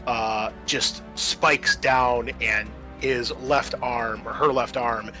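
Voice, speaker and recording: A man with a mid-range voice speaks at a slow pace, his tone steady yet sharp. He is a game master improvising the narration of a horror tabletop roleplaying game, blending story with rules talk and dry asides. Music plays in the background.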